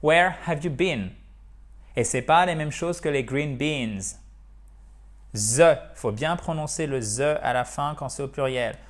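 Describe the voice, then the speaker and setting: Lively man teaching English. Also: on the high side, measured pace. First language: French. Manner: lively, switches between French and English, repeats words for pronunciation. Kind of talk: online English lesson.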